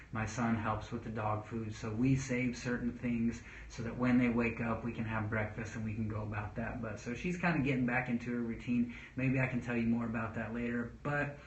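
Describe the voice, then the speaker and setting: Earnest dad in his 30s rambling about parenting, dull lo-fi recording w faint room noise. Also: medium pitch. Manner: earnest, rambling, stops to read viewer questions. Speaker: parenting vlogger and father. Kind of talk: casual parenting talk to camera. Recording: echoey room, dull lo-fi sound.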